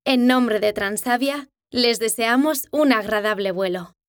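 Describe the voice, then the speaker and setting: A woman reading scripted airport boarding announcements in a formal, measured public-announcement manner. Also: on the high side.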